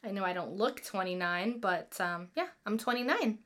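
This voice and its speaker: A woman's voice: mid-range voice, moderate pace, fairly bright tone. A woman in her twenties co-hosting a podcast, chatting casually and rambling, often correcting herself mid-sentence. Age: 20s. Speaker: podcast co-host. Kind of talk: casual personal chat.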